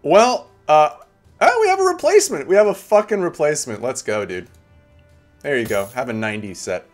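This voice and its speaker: A man's voice: on the high side, big pitch swings, fairly quick, soft background music. A man streaming a game, chatting casually with viewers, laid-back, swearing and laughing often. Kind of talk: casual live-stream chat.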